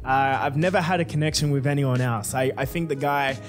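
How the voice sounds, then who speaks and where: A man's voice: medium pitch, fairly quick, soft background music. A young man, answering fan questions in a casual, crude, joking way with plenty of swearing.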